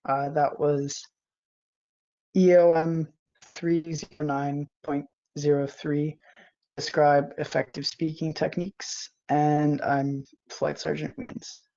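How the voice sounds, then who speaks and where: A cadet flight sergeant giving a lesson over a video call, hesitant and monotone. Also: mid-range voice, takes it slowly. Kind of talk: online class lesson. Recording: muffled video call audio.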